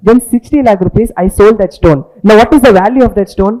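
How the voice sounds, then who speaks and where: A man's voice: sits high, fast talker, darkish tone, poor audio. A man with a Tamil accent giving an informal, story-led lecture as a teacher, repeating points and checking understanding with tag questions.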